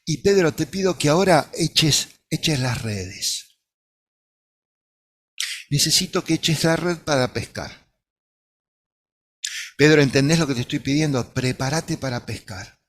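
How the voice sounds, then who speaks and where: A preacher speaking as a patient teacher. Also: male voice, on the high side, expressive, unhurried, pauses often. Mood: gentle. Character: patient teacher Jesus, grown man.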